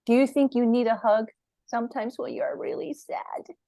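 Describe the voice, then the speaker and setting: A woman's voice: a little high, steady tone, moderate pace, dark tone, no echo, clean studio sound. A woman, the book's author, reading her picture book aloud to children at storytime, encouraging and asking them questions.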